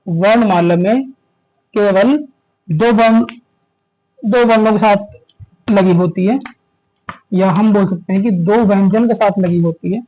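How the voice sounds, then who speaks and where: A man teaches an exam-prep grammar class in a high, mellow voice. He keeps asking the students a question and answering it himself. He slows down to stress each key term. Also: poor audio.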